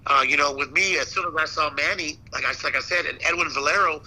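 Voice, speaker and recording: A man who works as a ring announcer, chatting casually as an interview guest and telling stories in a slangy, animated way. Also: on the high side, fast, poor audio. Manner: slangy, animated storytelling with repeated "man" and "dude". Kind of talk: casual chat.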